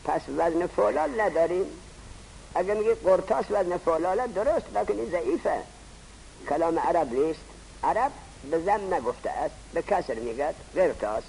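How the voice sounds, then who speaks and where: A man teaching a grammar lesson, posing rhetorical questions and answering them himself in a slow, drawn-out teaching cadence. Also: sits high, expressive, creaky, a little mellow, a little hiss or hum, rough recording. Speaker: seminary teacher. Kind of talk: classroom lecture on Arabic grammar.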